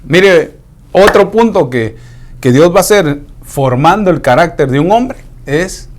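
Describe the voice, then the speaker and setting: A man preaching a sermon in a conversational way, dropping into hushed asides to act out what people say. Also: on the high side, expressive, measured pace.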